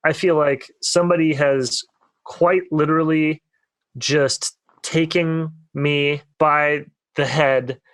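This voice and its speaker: This is a young man's slightly high voice, steady and a bit bright, moving at an unhurried pace. As a podcast co-host, he spins a long, meandering tale full of fillers in a casual, among-friends way. The recording is dry.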